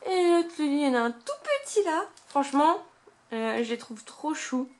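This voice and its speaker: A woman's voice: sits high, expressive, moderate pace. A woman vlogging casually about her craft purchases, chatty and hesitant, with frequent filler sounds. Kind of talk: casual haul chat to camera.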